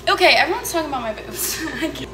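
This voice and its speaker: A woman's voice: sits high, animated, fast talker. Giggly young woman, noisy stream. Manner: giggly, playful banter with burping. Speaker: livestream co-host. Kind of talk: casual livestream chat.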